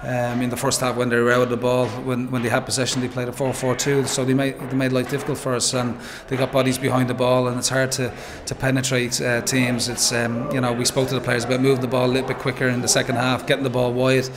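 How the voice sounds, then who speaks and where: A man in his forties with an Irish accent, a football manager giving a measured post-match interview, full of "um" and "you know". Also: mid-range voice, monotone, noisy background. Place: pitchside interview backdrop, noisy. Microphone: handheld interviewer mic.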